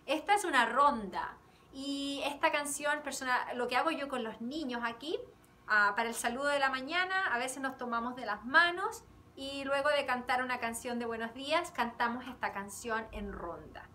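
Teacher lady, bright high voice, slow and gentle, sounds a little far from the mic in a classroom. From Chile. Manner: switches between Spanish and English, sings with ukulele. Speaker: kindergarten teacher. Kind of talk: bilingual song lesson. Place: classroom indoors. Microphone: camera a few feet away.

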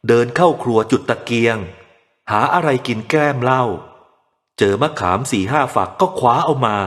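A man reading a horror story aloud as an audiobook narrator, in a dramatic storytelling manner, with a long reverb on the recording. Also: medium pitch.

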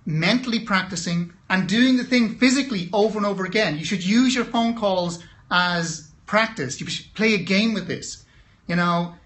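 A man's voice: sits high, moderate pace, fairly bright tone. A man, a mindset coach, giving an emphatic, encouraging motivational talk on a phone livestream.

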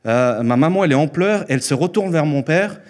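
Preaching earnestly in a church hall with a handheld mic, a man in his thirties from Mexico, Spanish being his first language, sounds a little high and animated. He repeats phrases for emphasis and takes key lines more slowly.

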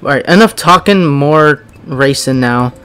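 A young man rambling through casual gameplay commentary, full of "like"s, with bursts of yelling. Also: a little high, expressive, measured pace, smooth. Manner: rambling, many "like"s, bursts of yelling while racing. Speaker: gaming YouTuber.

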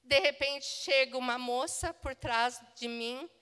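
Woman pastor, Brazilian accent, smooth high voice, lively sermon storytelling, church-hall reverb. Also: takes it slowly. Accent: Brazilian Portuguese. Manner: animated, laughing storyteller. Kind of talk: sermon with a personal anecdote. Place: church auditorium.

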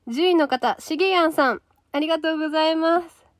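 A woman's voice: high-pitched, a little fast, dry recording, studio quality. A young woman with a Kansai accent, hosting a solo livestream and chatting casually as she reacts to viewer comments aloud. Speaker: idol trainee livestream host.

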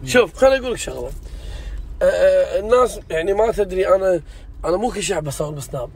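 A man's voice: high voice, animated, racing, vocal fry. A man, chatting earnestly and insistently with a friend inside a car. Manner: earnest and insistent, swears he means it. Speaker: vlog host. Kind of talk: casual chat.

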